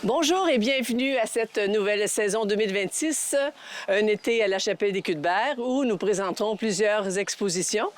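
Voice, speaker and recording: A woman's voice: mid-range voice, normal speed, soft background music. A woman hosting, welcoming viewers and introducing a guest on location. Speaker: host.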